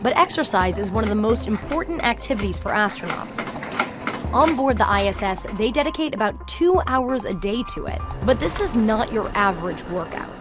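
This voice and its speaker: A woman reads a scripted news report in a measured, even voice. Music plays clearly underneath the narration, and her pitch sits in the middle range. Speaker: news correspondent. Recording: voice-over with loud background music.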